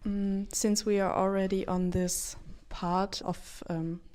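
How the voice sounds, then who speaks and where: A woman hosting an interview, asking calm, measured questions. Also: medium pitch. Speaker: host, interviewer.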